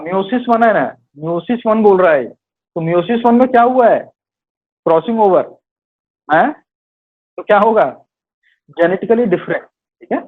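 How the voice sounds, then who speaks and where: A male biology teacher in a live online class, going over quiz answers in Hindi mixed with English terms, correcting himself and calling students "beta". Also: high voice. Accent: Hindi-English code-mixing. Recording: tinny phone-like online class audio.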